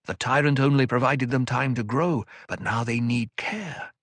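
A man voicing a calm, cutting older woman mentor in an audiobook, speaking in a measured, dry way. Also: mid-range voice, dry recording. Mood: cool.

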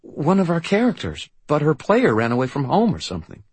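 A man voicing a frightened young woman who answers in halting, hesitant bits. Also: a little high, huge pitch swings, slightly rough, no echo, voice pushed up, exaggerated voice. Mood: nervous.

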